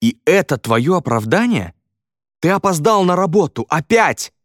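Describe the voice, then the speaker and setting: A man's voice: fairly high pitch, sing-song, moderate pace, dry recording, clean studio sound, pitched above the performer's own voice. A man voicing a weary middle-aged male foreman who scolds curtly. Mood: scolding. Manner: curt, clipped and scolding.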